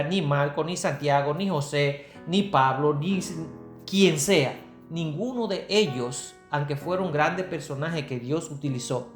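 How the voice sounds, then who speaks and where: A woman from the Republic, giving an earnest Bible teaching sermon and answering her own rhetorical questions. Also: low-pitched. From Dominican Republic. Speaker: preacher. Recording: echoey room with soft guitar music. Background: faint guitar music.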